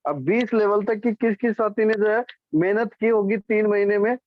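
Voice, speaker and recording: A man's voice: sits high, normal speed. A man presenting and explaining a business plan, checking in with his listeners often and correcting himself as he goes. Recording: dull, dry lo-fi sound.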